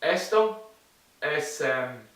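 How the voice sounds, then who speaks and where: A man teaching an online language lesson, talking at an unhurried, careful pace. He explains step by step and repeats each example phrase, with a bright, forceful tone. His voice sounds distant from the mic, with a strong roomy echo around it. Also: fairly high pitch, animated. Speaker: English teacher.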